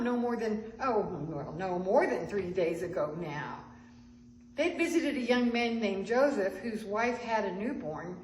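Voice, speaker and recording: Brief: gentle woman storyteller, mid-pitched, echoey room with faint ambience. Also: a little hiss or hum. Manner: gentle, expressive, with small restarts. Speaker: storyteller at a spiritual center service. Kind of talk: Christmas story narration. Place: church sanctuary.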